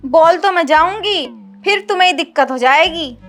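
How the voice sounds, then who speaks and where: A woman playing a sharp-tongued young daughter-in-law in a rustic comedy skit, with a shrill, scolding delivery. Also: normal speed. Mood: sullen. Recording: loud background music.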